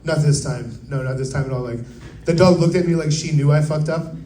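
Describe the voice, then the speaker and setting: A man's voice: fairly high pitch, dark tone, slight background noise. Profane storytelling man, roomy venue. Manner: profane, laid-back storytelling with quick voiced quotes. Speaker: stand-up comedian. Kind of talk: stand-up storytelling. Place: open mic at a coffee bar. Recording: roomy live venue sound.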